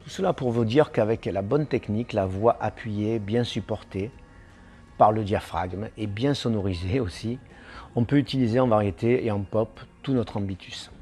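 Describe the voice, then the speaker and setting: A man runs a singing lesson in a fairly low, mellow voice. He explains technique patiently and keeps tacking on small asides as he goes. Soft music plays faintly behind him. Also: moderate pace. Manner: explanatory, with frequent "hein" tags. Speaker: singing teacher.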